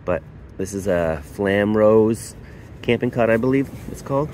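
A man from Canada giving a casual tour of his camping setup inside a hot tent, pausing often with uh and restarting sentences. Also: lowish voice, darkish tone, slight background noise. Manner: halting, lots of uh and restarts. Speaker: camping vlogger.

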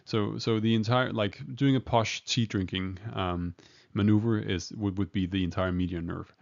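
A man with a gravelly, fairly low voice gives a casual medical teaching talk, stopping and restarting often with plenty of ums. The recording sounds dull and lo-fi. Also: fairly even intonation, normal speed. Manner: hesitant, many fillers and restarts, chuckles at himself. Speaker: emergency medicine lecturer. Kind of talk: informal medical lecture.

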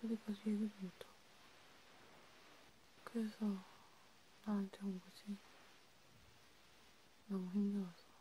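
A woman in a whispered role-play, comforting a friend softly and soothingly, slipping between a quiet voice and a whisper. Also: mid-range voice, level tone, takes it slowly, long pauses, a little hiss or hum, low-quality recording. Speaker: ASMR creator.

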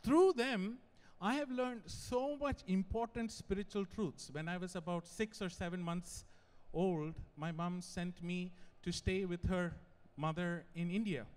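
A young man preaches from the pulpit, his voice sitting high for a man. He talks in an animated, conversational way, often stepping aside for a joke before coming back to his point. Long reverb from the church hall trails behind every phrase. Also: unhurried, few pauses. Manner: animated, digressive, joking asides. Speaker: pastor. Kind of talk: sermon.

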